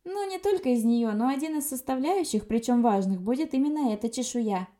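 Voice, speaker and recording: Brief: a woman playing a cheeky young witch, high and chirpy, flippant, dark-toned. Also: animated, a little fast, close to an everyday voice. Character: cheeky young witch girl, potion maker, carefree.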